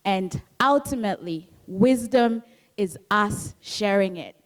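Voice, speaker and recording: With a medium-pitched voice and lively intonation, this Bemba-speaking woman from Zambia takes her time discussing her book at a book club. She's earnest and reflective, and she repeats key phrases.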